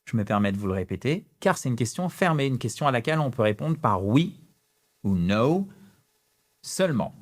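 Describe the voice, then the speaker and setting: A man with a French accent teaching English phrases in an animated online lesson, gesturing and stretching out example sentences with rising intonation. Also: medium pitch, moderate pace.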